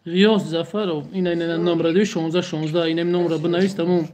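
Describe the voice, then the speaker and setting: High-voiced Tajik man, joking livestream chat. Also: fairly even intonation, normal speed, a crowd in the background. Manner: joking, speaks broken Russian in short repetitive bursts. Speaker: livestream host. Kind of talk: casual livestream chat with viewers.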